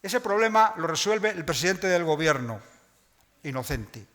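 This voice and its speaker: Give me a man lecturing an audience, slightly high-pitched, in a reverberant hall. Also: lively intonation, unhurried, fairly bright tone. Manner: didactic, addresses audience directly. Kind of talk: public lecture on language.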